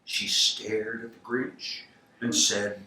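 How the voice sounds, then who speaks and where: A middle-aged or older man reading a storybook aloud like a grandfather, with theatrical, rhythmic, deliberate delivery. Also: lowish voice, level tone, sharp tone. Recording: roomy distant home recording, faint noise.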